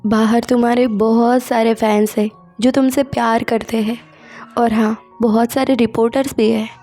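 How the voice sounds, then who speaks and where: A woman casually retelling a comic story in a chatty, expressive way. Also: a little high, normal speed, faint music behind.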